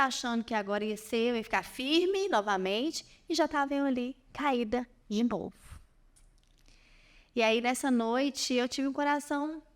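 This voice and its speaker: Young woman, high-pitched, earnest personal testimony. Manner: earnest storytelling, addresses listeners as "gente". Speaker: podcast guest.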